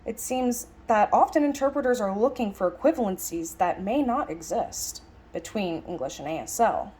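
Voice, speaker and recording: Voicing a signed lecture, a woman interpreter sounds conversational and reflective, musing with rhetorical questions and emphatic phrasing. She speaks at medium pitch with lively intonation, a moderate pace, and a darkish tone.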